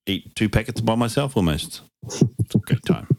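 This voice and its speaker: A man's voice: lowish voice, expressive, moderate pace, vocal fry, darkish tone, no echo. A man hosting a casual chat podcast in a laid-back, slangy way. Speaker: podcast host.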